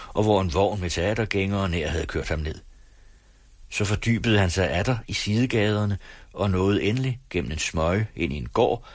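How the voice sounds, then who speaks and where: A man reads a novel aloud on the radio with a measured, dramatic delivery. His voice is very low and husky, and the studio recording is dry and close. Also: no echo. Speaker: radio reader. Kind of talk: audiobook reading on radio.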